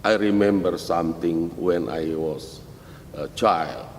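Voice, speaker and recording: A middle-aged missionary pastor with an Indonesian accent answers interview questions in halting English, restarting many times. The recording has the sound of a roomy hall with a faint rumble.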